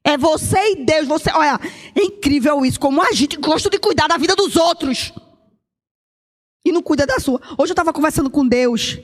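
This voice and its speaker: High-voiced emphatic Brazilian woman preaching. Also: in a large hall. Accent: Brazilian Portuguese. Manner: emphatic, stretching key words out slowly; addresses listeners directly with questions. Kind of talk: sermon.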